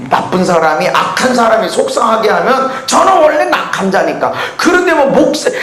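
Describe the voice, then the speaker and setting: Male pastor, high voice, dramatic sermon that rises to shouts and drops to hushes, echoey church room. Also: slight background noise. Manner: dramatic, swinging from shouted peaks to hushed near-whispers. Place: church sanctuary. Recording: echoey church hall with faint ambience.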